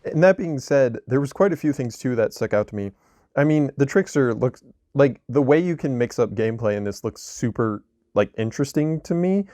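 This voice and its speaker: A man's voice: mid-range voice, expressive, moderate pace, dark tone, no echo. Rambling man talking games, dry sound. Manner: rambling, lots of likes and restarts. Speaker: podcast co-host. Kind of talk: casual gaming chat.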